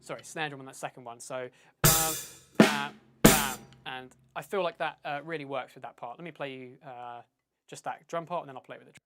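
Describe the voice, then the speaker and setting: A man teaching drums in a live stream, talking casually, sounding out beats with syllables, often pausing and correcting himself. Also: medium pitch, over music. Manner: casual, vocalizes drum patterns with syllables; hesitant, many fillers and self-corrections. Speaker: drum teacher. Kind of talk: live-streamed drum lesson.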